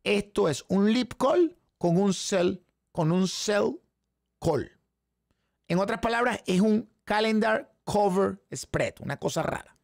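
A hoarse Venezuelan trading instructor leads a live-stream trading lesson in Venezuelan Spanish. His voice sits a little high yet carries a gravelly fry, recorded dry and close with no echo. Animated, he talks straight to the chat audience, checking in constantly with quick rhetorical questions.

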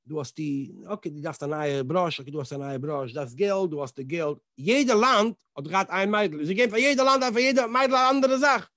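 A rabbi with a high-pitched male voice leads a storytelling Torah class. He is animated, slips into the voices of the characters and drops English words into his speech. The sound is dry and close, with no room echo. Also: a little fast, hardly any pauses. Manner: animated, acts out the dialogue in different voices.

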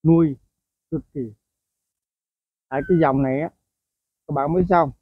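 A man's voice: fairly high pitch, fairly even intonation, normal speed, dry recording. Chatty man, tinny sound. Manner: chatty, addresses viewers often, many fillers. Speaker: bird-keeping video host. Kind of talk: casual explanatory vlog narration. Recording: tinny phone-like dry sound.

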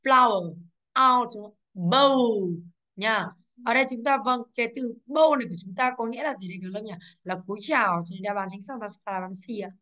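A woman's voice: mid-range voice, fairly quick, bright, forceful tone. A female English teacher going over exercises, explaining each answer and checking with the class, with English words in a Vietnamese accent. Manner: explains step by step, checks with "đúng không ạ".

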